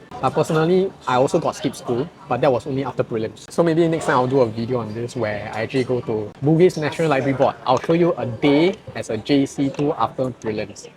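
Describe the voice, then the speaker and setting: A man with a Singaporean English accent, a tutor hosting a casual chat over a meal, telling stories in a chatty way and laughing often. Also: medium pitch. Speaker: tutor and channel host. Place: buffet restaurant. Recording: loud restaurant crowd chatter. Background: diners talking.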